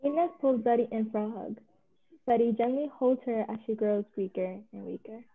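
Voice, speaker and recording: A woman reads stage directions aloud in a plain, even way. Her voice is a little high. It comes through a thin, phone-like line. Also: normal speed.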